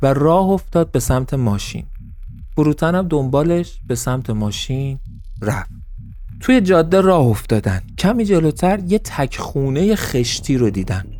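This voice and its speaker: A man narrating a story in a calm, even storytelling manner. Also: mid-range voice. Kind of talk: scripted narration.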